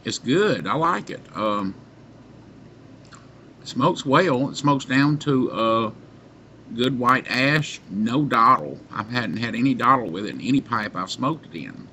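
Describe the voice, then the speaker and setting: A middle-aged man chatting casually to camera as a reviewer, halting and pausing often, recorded on a webcam mic in a small room. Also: mid-range voice, animated, bright, forceful tone. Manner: halting, unhurried delivery with long pauses. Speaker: pipe tobacco reviewer. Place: small dim room indoors. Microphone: webcam or computer mic at arm's length. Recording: muffled webcam sound with background noise.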